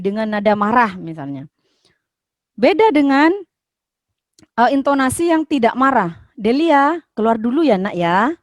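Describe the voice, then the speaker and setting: Indonesian woman lecturing, high dry voice. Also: dry recording. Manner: explanatory, with frequent fillers and restarts. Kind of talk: university lecture.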